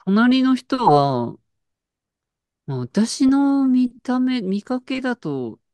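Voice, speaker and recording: A woman's voice: a little high, very animated, drawn-out words, warm tone, dry recording. A woman in casual chat, telling an anecdote with lots of fillers and restarts. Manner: storytelling with frequent fillers and laughs.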